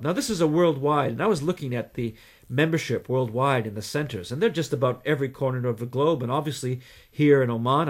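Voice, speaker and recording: A Canadian man talking as a guest in a radio interview, explaining things in a measured way with deliberate pauses. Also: mid-range voice. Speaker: guest, communication trainer.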